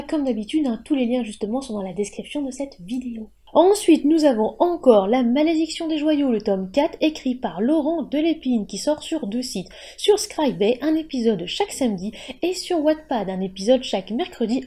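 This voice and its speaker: A woman's voice: high voice, animated, brisk, hardly any pauses, dark tone. A woman hosting a monthly book news show, reading in a scripted news style with playful whispered asides.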